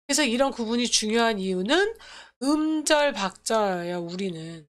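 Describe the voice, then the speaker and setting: A woman teaching English pronunciation and grammar in an explanatory lecture, restating each point and opening sentences with "so". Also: fairly high pitch. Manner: explanatory, repeats points, starts lines with "so".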